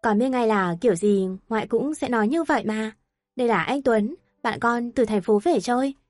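A woman voicing a cheerful young woman coming home to her family in an audio story, chirpy and quick. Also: a little high, no echo, clean studio sound, soft background music, close to an everyday voice.

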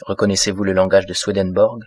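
Audiobook guy voicing a calm doubting old pastor, low husky voice, dry. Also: fast talker, no room sound. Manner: dismissive, composed. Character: calm skeptical older male pastor.

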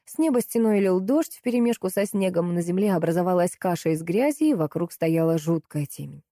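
A woman narrating a first-person audiobook in a steady, lively storytelling way. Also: lowish voice, brisk, dry recording, clean studio sound.

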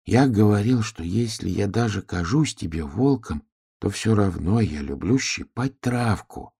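A meek little storybook donkey speaks slowly and plaintively, voiced by a man. His soft voice has a low, gravelly edge and a gentle, bewildered air. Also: lively intonation, full character voice.

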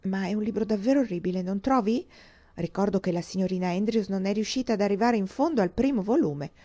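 A gushing, gossipy young woman, voiced by a woman reader in a dramatized audiobook, effusive and theatrical. She confides and flatters in a warm, dark tone. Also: mid-range voice, fast, muffled recording, natural voice. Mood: gushing, confiding.

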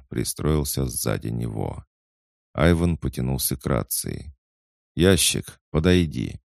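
A man narrating an audiobook in a steady, scripted reading. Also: very deep voice, vocal fry, dry recording, studio quality.

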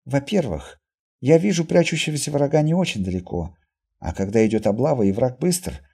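Man voicing a young mutant woman, calm, soft-spoken, dark husky tone, audiobook. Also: medium pitch.

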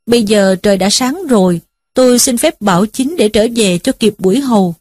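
A woman's voice: mid-range voice, moderate pace, a little mellow, dry recording, natural voice. A woman voicing a courteous male county officer who speaks formally.

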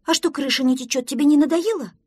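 A woman voicing a small, excitable duckling in a storybook reading, loud and eager. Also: high-pitched, quick pace, no room sound, studio quality, voice pushed up, natural voice. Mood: indignant. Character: excitable little duckling, cheerful and bossy.

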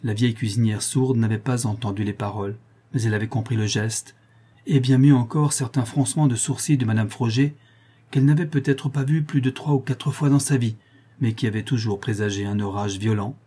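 A man narrating a classic novel in an even, measured reading style. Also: mid-range voice, husky. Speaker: audiobook reader. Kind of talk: scripted narration.

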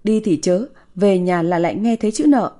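A scheming middle-aged stepmother with a shrill, nagging edge, as a woman storyteller puts her on. She snaps out her words and scolds sharply. The tone stays mellow and a bit dark. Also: normal speed, natural voice. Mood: scolding.

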